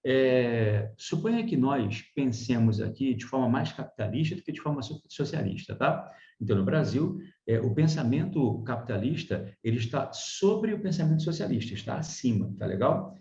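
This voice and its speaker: A man's voice: mid-range voice, normal speed, few pauses, echoey room, muffled recording. A man with a Brazilian Portuguese accent teaching a grammar lesson in an online class, explaining with frequent rhetorical checks. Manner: explains with many rhetorical checks, lively emphasis. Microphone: video call.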